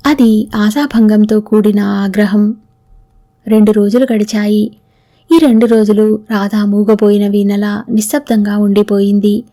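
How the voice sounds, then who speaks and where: A woman's voice: mid-range voice, little pitch movement, measured pace, mellow. A woman narrating a novel aloud as an audiobook, reading both spouses' lines in her own voice.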